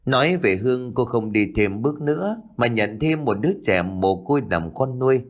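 A man narrating a ghost story in a dramatic, expressive way. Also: medium pitch, normal speed.

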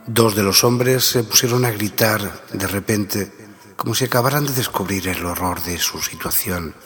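A man narrating a story in a grave, hushed way, at times dropping to a whisper. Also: on the low side, normal speed. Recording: reverb-heavy with background music.

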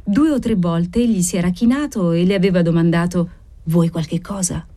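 A woman narrating a classic novel aloud in a measured, expressive reading. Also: lowish voice. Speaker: audiobook narrator.

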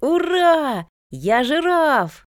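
A woman reading aloud voices an eager, cheeky little boy who shouts with glee. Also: sits high, very animated, extremely slow, dry recording, clean studio sound, pitched above the performer's own voice, exaggerated voice. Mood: gleeful. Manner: loud gleeful shouting.

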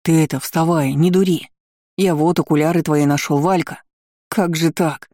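A reader voicing a grieving boy who talks in a shaken, halting way. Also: medium pitch, fairly even intonation, warm tone, no echo, studio quality, close to an everyday voice. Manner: shaken, spitting words, coaxing a dead friend. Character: grieving boy, adult man hidden inside.

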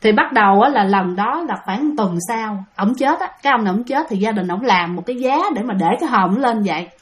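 A woman's voice: mid-range voice, lively intonation, a little fast. A woman with a Southern Vietnamese accent telling a ghost story casually, chatting to her listeners as she goes. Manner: chatty, keeps addressing listeners.

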